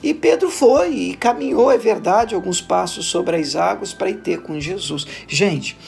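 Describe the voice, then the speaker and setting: A man's voice: sits high, lively intonation, measured pace, gravelly, darkish tone, a little hiss or hum. A Brazilian man, a pastor, giving an earnest audio devotional sermon and acting out the words of biblical figures. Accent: Brazilian Portuguese. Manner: earnest preaching, acts out biblical quotes.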